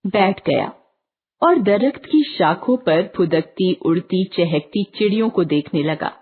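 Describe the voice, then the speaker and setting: A woman reads a children's story aloud at an unhurried, slow pace, gentle and expressive. Her voice is somewhat husky. The audio is tinny and narrow, like a phone line. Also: medium pitch.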